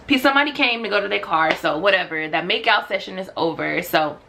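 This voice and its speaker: An American woman telling a casual, animated personal story in a slangy, sassy, emphatic way, sounding a little tipsy. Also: medium pitch, fast, gravelly, slight background noise. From Los Angeles, United States. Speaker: storytime vlogger.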